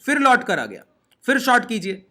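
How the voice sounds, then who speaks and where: A man's voice: very high voice, huge pitch swings, normal speed, sharp tone. A man giving a step-by-step trading lesson, often checking in with his listeners. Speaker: trading teacher. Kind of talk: screen-share trading lesson.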